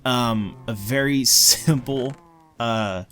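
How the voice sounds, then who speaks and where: A man's voice: mid-range voice, slow pace, fairly bright tone, slight background noise. A man casually narrating a tour of a game world, rambling with lots of ums and likes. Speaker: let's play co-host. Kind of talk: casual gameplay commentary.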